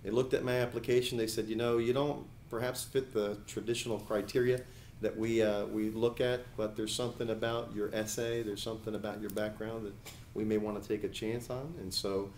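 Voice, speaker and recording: Sitting before an editorial board, this attorney and judicial candidate, a man in his forties from New Jersey, talks through his career in a fairly low, slightly mellow voice with little pitch movement. He is deliberate and measured, frequently hesitating on fillers as he collects his thoughts, and there's a noticeable room echo along with slight background noise.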